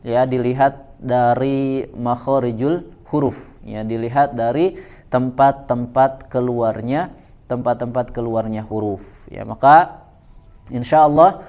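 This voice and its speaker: A man gives a religious lesson on Quran recitation in a measured, steady voice of middle pitch. He links his phrases with a soft repeated "ya". The sound is dull and lo-fi. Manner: measured, fills nearly every phrase with a soft "ya".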